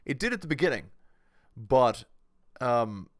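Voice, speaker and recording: A man's voice: mid-range voice, very animated, measured pace, no echo, clean studio sound. A man hosting a reaction video, giving casual, hesitant commentary. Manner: hesitant, restarts and fillers.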